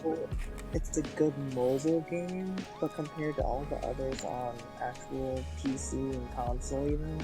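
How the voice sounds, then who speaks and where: A co-host chatting on a podcast call, halting and repeating words. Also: mid-range voice, fairly even intonation, music in the background. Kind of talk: casual chat. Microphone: on a call from another room.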